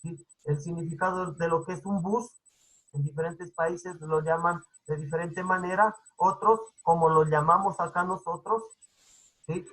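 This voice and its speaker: A man's voice: on the high side, fairly even intonation, unhurried, fairly bright tone, low-quality recording. A male teacher giving an online class over a video call. He keeps checking understanding with "¿sí?" and repeats his points. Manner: repetitive, instructive.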